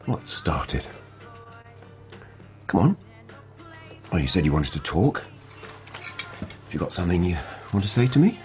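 A controlling, gaslighting husband. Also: male voice, deep voice, big pitch swings, measured pace, pauses often, darkish tone. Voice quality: coaxing, belittling manner. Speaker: radio drama character. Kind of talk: radio drama acting. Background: faint music.

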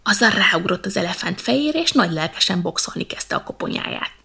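A woman reading a children's bedtime story with lively, playful narration. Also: mid-range voice, creaky, husky.

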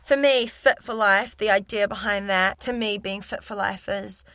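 A woman's voice: medium pitch, fairly even intonation, moderate pace, bright, forceful tone, dry recording. A young woman speaking candidly and chattily as a guest in a casual interview. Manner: candid, talkative. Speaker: fitness influencer, interview guest.

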